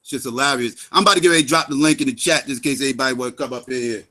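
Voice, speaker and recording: A man's voice: medium pitch, very fast, pushed and bright. Heated, profane man ranting. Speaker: livestream commentator. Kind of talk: angry ranting commentary.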